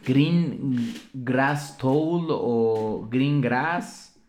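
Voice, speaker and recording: A man's voice: mid-range voice, extremely slow. A young Mexican man co-hosting a show, telling crude stories in loose banter and acting out the people in them. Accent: Mexican Spanish. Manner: animated storyteller, acts out voices. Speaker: podcast co-host. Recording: echoey room.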